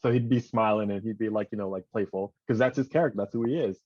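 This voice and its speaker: A man in casual podcast chat, talking in an animated, rambling way with many restarts. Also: lowish voice, quick pace, no echo. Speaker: podcast co-host. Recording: dull lo-fi dry sound.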